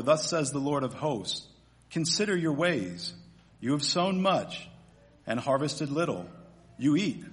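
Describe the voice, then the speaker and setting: Guy preaching into a pulpit mic, earnest and measured, reads scripture, leads prayer. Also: medium pitch. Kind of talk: sermon with scripture reading and prayer.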